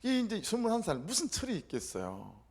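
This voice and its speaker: A man's voice: high voice, brisk, vocal fry, husky. A middle-aged male pastor from southeastern Korea telling a personal story in a sermon, acting out the quotes as he goes. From South Korea, Gyeongsang region. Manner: animated storytelling with acted-out quotes.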